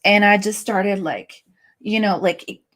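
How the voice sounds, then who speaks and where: A young adult woman talks openly as an interview guest. Her delivery is candid and emotional, loose with casual fillers. Her voice sits at an ordinary middle pitch. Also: a little slow, a bit bright. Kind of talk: candid personal interview talk.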